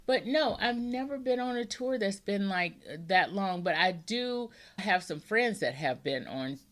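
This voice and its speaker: Chatty, easygoing woman host; slow, laid-back pacing with frequent laughs. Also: mid-range voice, animated. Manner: chatty, rambling, laughs often. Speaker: podcast host. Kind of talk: casual interview chat.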